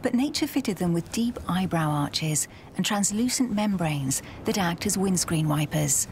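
A woman with a somewhat low-set voice reads nature documentary narration. Her delivery is measured, like storytelling from a script. Faint outdoor ambience sits behind her words. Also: expressive, darkish tone, a little hiss or hum.

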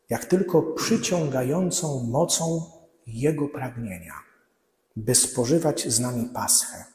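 Middle-aged priest, measured preacher, mellow voice, long church reverb, filmed from afar. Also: male voice. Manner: slow, measured preaching with drops to a low voice at quotations. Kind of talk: Lenten sermon. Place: large church, at the altar lectern. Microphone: far camera.

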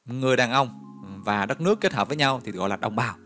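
A man teaches English vocabulary in a recorded lesson. He spins vivid memory stories in a lively, coaxing way, pitched at a middle range. Faint music plays underneath. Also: quick pace. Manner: lively, storytelling, coaxing with questions.

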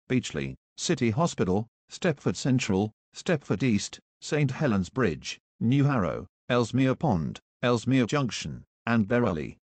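A man reading scripted train announcements in a formal, measured manner. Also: medium pitch, darkish tone, no echo.

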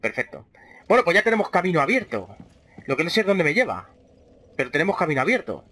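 A man's voice: a little high, sing-song, quick pace, bright, forceful tone, breathy edge. A man with a Spain Spanish accent giving casual let's play commentary, chatting freely with his viewers and swearing often. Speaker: gaming channel host.

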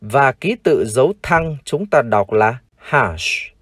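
A man's voice: medium pitch, animated, slightly rough, no echo, studio quality. Vietnamese man teaching English symbols. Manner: repeats each word slowly for learners. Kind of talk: vocabulary lesson, slow model pronunciations.

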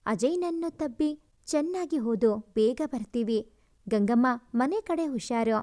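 A woman voicing a grieving but steady young woman, speaking earnestly in a story reading. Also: fairly high pitch, a little slow, pitched below the performer's own voice. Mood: tender.

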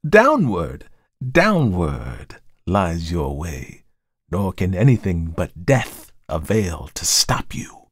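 A man voicing a calm, knowing male visitor who judges a murderer in a measured, coolly insistent way, in a dramatic audiobook reading. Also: medium pitch, vocal fry, no room sound, studio quality. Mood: accusing.

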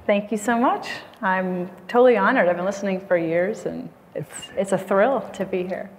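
On a conference stage facing an audience, a US medical writer in her thirties talks as a live podcast guest, laughing frequently and filling pauses. Her medium-pitched voice moves at normal speed. The lapel mic recording has long hall reverb and a little hiss or hum.

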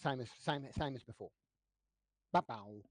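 A man's voice: mid-range voice, no echo. A man runs a tabletop game session over voice chat, feeling his way through each sentence with restarts and fillers. His voice sits in a middle register and the recording is dry, with no room sound. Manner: halting, many restarts and fillers. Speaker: game master.

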